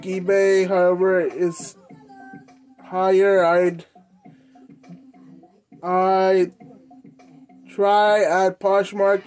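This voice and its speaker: A young American man hosting a casual unboxing vlog, talking in a halting, informal, slangy way. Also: sits high, a little mellow. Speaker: host of a clothing collecting channel. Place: indoors in a room at home.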